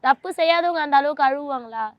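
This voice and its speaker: A woman's voice: high-pitched, fast, no room sound, lo-fi sound. A woman, a mother of two, speaks in an emotional interview in a pleading, aggrieved and insistent way.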